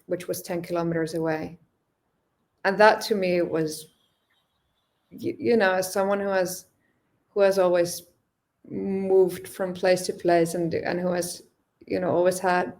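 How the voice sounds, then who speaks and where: A Finnish woman who cycles long distances talks about her travels as a podcast guest, her voice lowish and her pace easy. The casual interview has a relaxed, thoughtful feel, though she hesitates and often breaks off to restart sentences while searching for words.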